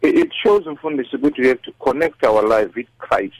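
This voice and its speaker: Husky South African man, devotional talk. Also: mid-range voice, sing-song, fairly quick, no room sound, poor audio. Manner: mixes English with a Nguni language. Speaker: radio discussion guest.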